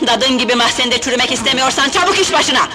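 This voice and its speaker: A woman's voice: high-pitched, fast, lightly acted. A woman dubbing a cruel, vain queen in a film, giving harsh, threatening orders over film music. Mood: commanding. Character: cruel vain evil queen, cold and commanding. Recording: dubbed film soundtrack with music.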